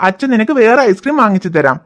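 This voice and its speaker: A woman voicing a patient, gentle father in a cartoon, coaxing and reassuring his crying child. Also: medium pitch, sing-song, very fast, natural voice. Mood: soothing. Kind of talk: cartoon voice acting.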